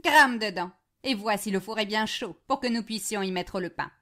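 A woman's voice: mid-range voice, moderate pace, sharp tone, lightly acted. A woman voicing a cruel, greedy old witch in a storybook reading, harsh and commanding. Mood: menacing.

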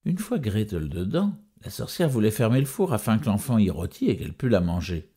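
A man telling a fairy tale as a storyteller. His voice is very low, dark and husky. His intonation rises and falls widely. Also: big pitch swings, fairly quick.

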